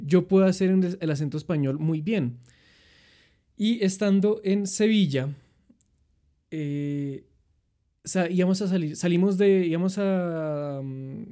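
A young man with a Colombian accent telling travel stories in a chatty, rambling way. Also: a little high. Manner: chatty, rambling, animated retelling. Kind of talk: casual storytelling.

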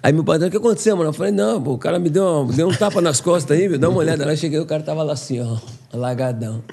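Fast-talking man telling stories. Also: on the high side, gravelly, husky. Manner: animated, acts out quoted dialogue. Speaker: podcast guest. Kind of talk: casual storytelling.

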